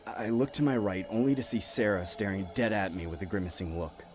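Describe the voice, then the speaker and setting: A man's voice: lowish voice, fairly quick, a little mellow. A man narrating a scripted horror story in a tense, dramatic manner.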